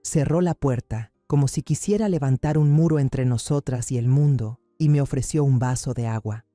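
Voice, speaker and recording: Dark-voiced man narrating a drama. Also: medium pitch, moderate pace, no echo, clean studio sound, faint music behind. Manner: somber, dramatic. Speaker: storyteller. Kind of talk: scripted first-person story narration.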